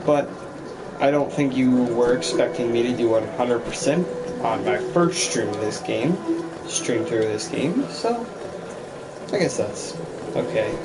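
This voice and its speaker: A man's voice: medium pitch, animated, measured pace, very noisy. A man streaming a game with casual commentary, rambling as he thinks aloud. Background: loud game music.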